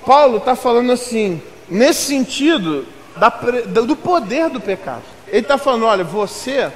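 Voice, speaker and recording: A man from Rio de Janeiro with a Carioca accent, preaching a sermon as pastor, emphatic and rising to loud outbursts. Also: very high voice, sing-song, moderate pace, slight background noise. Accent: Carioca Brazilian Portuguese. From Rio de Janeiro, Brazil. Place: church sanctuary.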